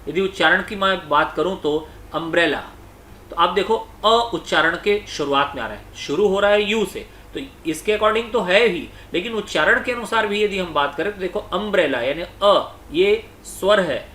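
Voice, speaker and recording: Man teaching slowly in an echoey room. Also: high-pitched, animated, bright, forceful tone. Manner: slow, repetitive explaining, reading example sentences aloud. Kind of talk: online exam-prep lecture.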